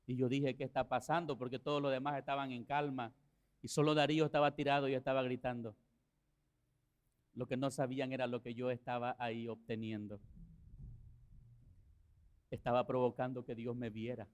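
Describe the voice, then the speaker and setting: A man preaching a sermon as pastor, telling a story with rising passion and quiet, slow passages. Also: mid-range voice, level tone. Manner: impassioned preaching, swelling to shouts then dropping soft.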